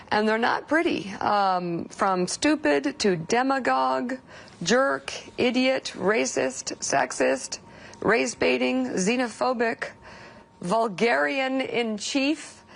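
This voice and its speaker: Gravelly-voiced female interviewer. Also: a little high. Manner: direct, probing questions. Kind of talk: television interview.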